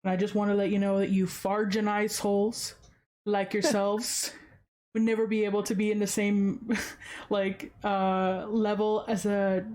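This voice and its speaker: A woman's voice: medium pitch, little pitch movement, a little slow, a little mellow, natural voice. A woman quoting a pompous male mob boss speaking haughtily in court. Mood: haughty.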